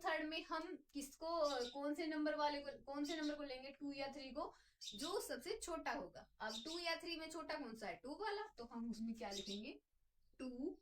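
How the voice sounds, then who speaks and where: A woman's voice: high voice, far from the mic, a little hiss or hum, poor audio. A woman teaching a chemistry lesson, explaining step by step and answering her own questions as she goes. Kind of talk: classroom lecture.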